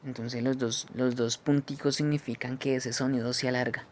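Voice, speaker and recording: A man teaching English phonetics, who explains each symbol slowly and keeps checking with "¿sí?". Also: mid-range voice, flat delivery, a little hiss or hum. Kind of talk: phonetics lesson.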